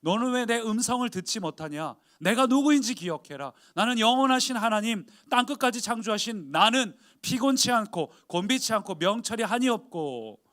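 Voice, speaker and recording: God scolding his people, high-pitched and loud, pushing hard on every question, as a male pastor puts him on. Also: animated, normal speed, few pauses. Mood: stern rebuke. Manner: raised, emphatic scolding. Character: God rebuking his complaining people, stern.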